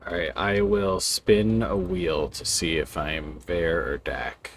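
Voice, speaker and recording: Low-voiced man streaming games, noisy audio. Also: fairly even intonation, slow. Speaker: streamer hosting friendly matches. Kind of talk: casual gaming chat. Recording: clearly noisy gaming voice chat. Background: background noise and ambience.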